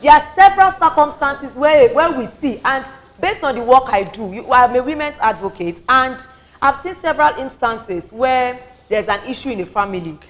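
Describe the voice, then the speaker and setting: A woman's voice: high-pitched, animated, moderate pace. A woman from Nigeria with a Nigerian accent, a women's advocate explaining her views earnestly on a talk show panel and repeating points for emphasis. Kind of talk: studio talk show discussion.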